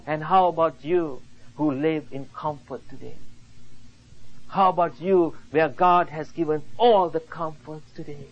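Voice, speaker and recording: A man preaching a sermon slowly and earnestly, rising into exhortations. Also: on the high side. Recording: dull lo-fi recording.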